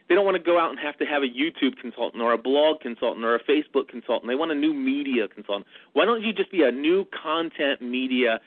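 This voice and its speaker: A man's voice: a little high, dry recording. Man on tinny livestream headset audio. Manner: rambling, animated, repeats words when restarting. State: punchy from a long nonstop broadcast. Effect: narrow lo-fi livestream headset audio. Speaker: podcast consultant and host. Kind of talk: live podcast panel discussion. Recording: tinny, dry livestream line.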